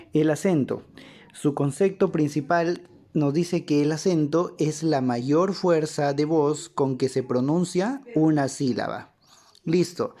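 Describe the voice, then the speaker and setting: A man's voice: fairly high pitch, dark tone. A man teaching a recorded grammar lesson, patiently repeating key points and checking in with his students.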